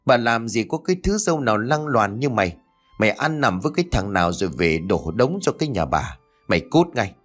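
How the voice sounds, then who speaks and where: A man's voice: on the low side, sing-song, a little fast, a bit bright, faint music behind. A man voicing a furious, domineering wealthy old mother who scolds with harsh insults. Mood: enraged.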